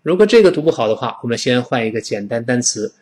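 A middle-aged man from China teaching a spoken English lesson, demonstrating pronunciation slowly and repeatedly. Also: mid-range voice, animated, a little mellow.

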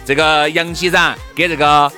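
A man's voice: fairly high pitch, little pitch movement, normal speed, sharp tone, soft background music. A man with a Sichuan accent co-hosting a talk show, chatting casually and animatedly in colloquial dialect, with exclamations and emphatic repetition. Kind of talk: animated casual chat for listeners.

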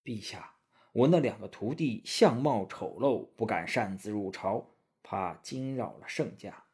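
A gentle, timid Buddhist monk speaks softly and humbly, as a man voices him for a storybook tale. His voice is slightly husky. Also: fairly low pitch, animated, a little slow, pitched below the performer's own voice, heavily acted. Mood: humble. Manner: soft, humble and hesitant.

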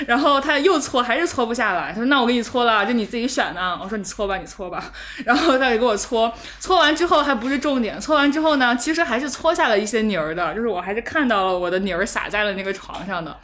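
Woman podcast co-host, somewhat high voice, chatty storyteller. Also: fast talker. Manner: animated anecdote telling with laughter. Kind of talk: casual chat, storytelling.

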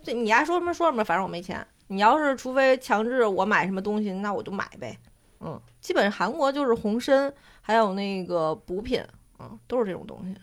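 A woman's voice: medium pitch, animated, fairly quick. A woman with a Beijing accent, casually telling anecdotes in colloquial, slangy talk.

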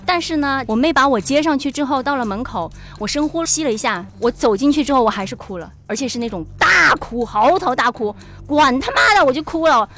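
A woman's voice: high voice, lively intonation, a little fast, hardly any pauses, a bit bright, faint music behind. A woman in her thirties co-hosting a podcast, talking frankly in casual chat and laughing often. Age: 30s. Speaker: podcast co-host.

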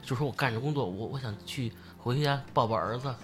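A man's voice: mid-range voice, quick pace, faint music behind. A man hosting a casual podcast chat. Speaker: podcast host.

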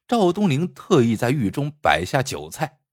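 A man telling a traditional folk tale in an expressive, rising and falling storytelling voice. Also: medium pitch, normal speed, no room sound, clean studio sound.

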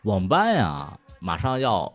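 A man in casual chat, telling crude jokes, swearing freely and laughing loudly at his own punchlines. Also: sits low, huge pitch swings, measured pace, faint music behind.

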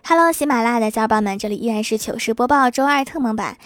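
A woman hosting a comedy podcast, reading out funny anecdotes in a lively, playful way and laughing at her own punchlines. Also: on the high side, fast, soft background music. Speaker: podcast host.

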